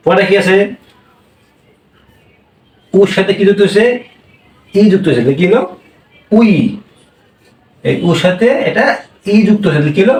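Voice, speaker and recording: A man's voice: sits high, animated, normal speed, long pauses, a little mellow, reverberant, distant mic, low-quality recording. A man teaching a language class, drilling sounds with repeated questions. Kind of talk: classroom lesson.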